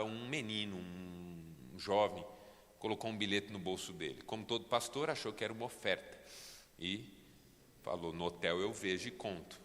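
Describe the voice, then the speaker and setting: A Brazilian man preaching a fervent sermon as pastor, building to near-shouts, in a church. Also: fairly low pitch, in a large hall. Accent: Brazilian Portuguese.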